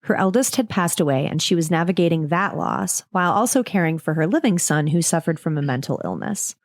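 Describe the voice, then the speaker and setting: Brief: a lowish-voiced woman podcast host, casual true-crime storytelling, close dry mic. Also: animated, brisk, no echo. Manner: casual, jokey asides between scripted reading.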